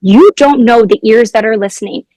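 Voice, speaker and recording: High-voiced woman telling classroom stories. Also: moderate pace, dark tone, dry recording. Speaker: guest, former teacher. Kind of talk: casual interview talk.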